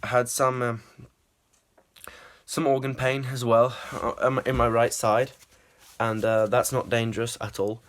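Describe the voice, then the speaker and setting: A man's voice: medium pitch, level tone, unhurried, pauses often. A man vlogging casually after a run, still out of breath, rambling with many ums and uhs. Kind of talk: casual running vlog.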